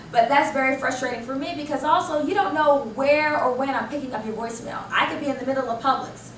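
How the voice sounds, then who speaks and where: With a noticeably high voice, an American corporate trainer runs a workshop in an indoor training room, animated and emphatic as she asks questions and supplies her own answers. The audio is echoey, captured from a distance, with faint noise in the background.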